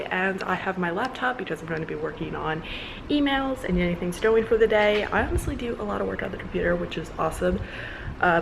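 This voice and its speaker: A young woman chats casually in a vlog from her apartment, rambling and poking fun at herself. Her medium-pitched voice is gravelly and a little congested and nasal, with background noise in the recording.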